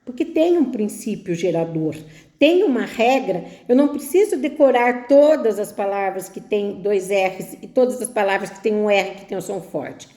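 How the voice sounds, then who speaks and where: A woman's voice: mid-range voice, lively intonation, normal speed, dark tone. A woman teacher explaining spelling rules, asking questions and often checking that her listeners follow. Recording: echoey room.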